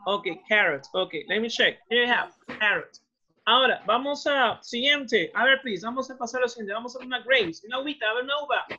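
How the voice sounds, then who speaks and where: In a very high, fairly quick voice that sounds pushed and bright, a man teaches English to young children with a Peruvian Spanish accent. As a primary school teacher in a bilingual class, he happily alternates languages and repeats words. The audio is lo-fi and muffled.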